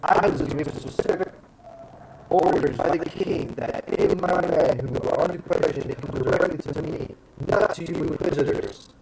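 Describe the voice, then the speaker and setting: Guy doing a shrill tiny lady commander, bossy and brusque, gravelly underneath, noisy room. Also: racing, hardly any pauses. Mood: indignant, bossy. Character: small fierce woman commander, shrill and bossy. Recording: noisy background.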